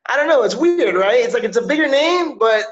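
A Miami MMA fighter in his thirties is a guest on a casual video-call interview from a small indoor room, talking loosely and dropping "yo" and "you know what I'm saying" between thoughts. His voice is high for a man, with lively intonation and a slightly fast pace. The webcam audio is a little dull and lo-fi.

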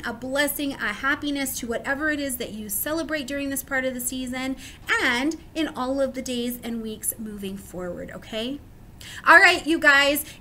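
An American woman gives a casual horoscope reading in a high-pitched, bright, forward voice. She talks expressively and with emphasis, encouraging her listeners as an astrologer would. A little background noise and low rumble sit under her speech. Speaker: astrologer giving a weekly horoscope.

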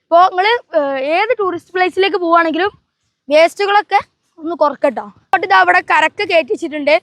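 A woman's voice: extremely high pitch, fast talker, a bit bright, dry recording. A woman travel vlogger chatting casually to viewers in a Malabar Malayalam accent from northern Kerala, mixing English words into her Malayalam. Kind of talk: casual vlog chat to viewers.

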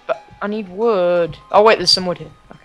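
A man's voice: sits high, brisk, fairly bright tone, lo-fi sound, faint music behind. A young man making casual, playful conversation as a co-op partner in a video game. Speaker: co-op gaming partner. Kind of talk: casual game chat commentary.

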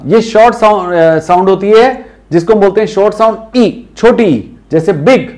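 A man's voice: high voice, darkish tone. A man with an Indian accent teaching a spoken English lesson, drilling words aloud and quizzing his viewers.

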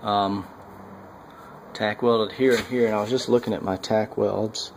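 A man narrating his welding work on a car in a casual workshop vlog, halting with many fillers, on a handheld camera mic. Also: fairly low pitch, fairly even intonation, darkish tone, slight background noise, rough recording. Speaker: home car builder. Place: garage workshop, indoors.

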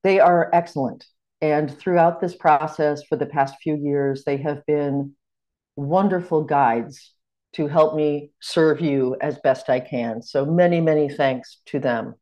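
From a room in her home, a middle-aged woman from the United States with an American accent runs a teaching workshop by video call. Deep and dark-toned, her voice stays measured and welcoming, like an online lecture.

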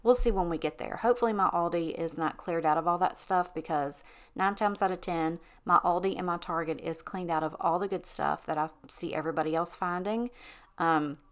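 A woman talks in a loose, rambling way, full of ums, likes and restarts. Her voice sits a little low for a woman, and she chats as if to a friend over her cleaning footage. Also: a little fast. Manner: chatty, rambling, self-interrupting with ums and likes. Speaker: cleaning vlogger.

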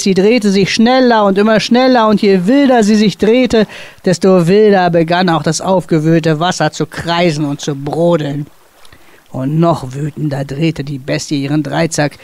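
A woman author reading a dramatic sea story aloud on a radio show, expressive and building tension. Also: fairly low pitch, dry recording. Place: radio studio.

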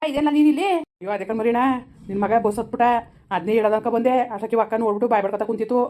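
A woman's voice: on the high side, very fast, warm tone, lightly acted. A woman playing a blunt village woman who scolds in a rural Kannada dialect, in a comedy skit. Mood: scolding.

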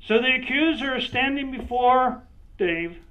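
High-voiced conversational preacher. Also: male voice, expressive, measured pace. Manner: conversational, engaging the listeners by name, with frequent "right?" checks. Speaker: pastor. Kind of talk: sermon with acted-out role-play. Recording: dull lo-fi recording.

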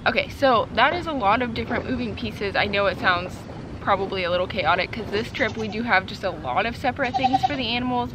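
This homesteading family vlogger, a young adult woman, has a fairly high voice and talks at a quick clip. She's outside in the backyard chatting to the camera in a loose, conversational style full of "like" and "you know," with plenty of background noise.

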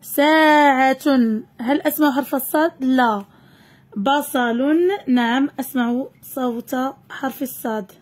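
A high-voiced woman with a Moroccan accent teaches a recorded lesson for young children. She draws each syllable out slowly and repeats it so small learners can follow. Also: fairly even intonation, darkish tone, slightly rough. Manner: slow, drawn-out sounding of letters and syllables.

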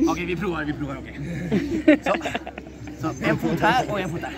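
A woman playfully leading a game outdoors, calling out loudly to a cheering audience. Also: low voice. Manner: animated, calls out loudly to the audience. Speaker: game leader. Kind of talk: playful game hosting for a crowd. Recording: loud crowd and street noise.

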